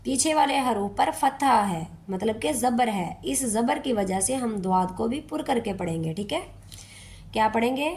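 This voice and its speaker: A woman, a Quran teacher explaining pronunciation rules step by step in a slow, patient way. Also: on the high side, expressive, a little mellow. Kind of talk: step-by-step recitation lesson.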